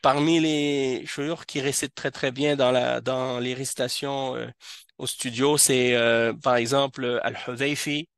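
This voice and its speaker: A man teaching an Arabic reading class in a mosque, explaining patiently and repeating each word slowly to drill pronunciation. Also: medium pitch, fairly even intonation, fairly bright tone, smooth, no echo. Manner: slow, repeats words and verses to drill pronunciation.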